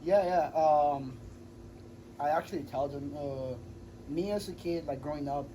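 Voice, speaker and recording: A man in his twenties from Honduras, chatting casually as an interview guest, relaxed and slangy with many fillers and restarts. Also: on the high side, a little slow, noisy background. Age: 20s. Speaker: MMA fighter, guest.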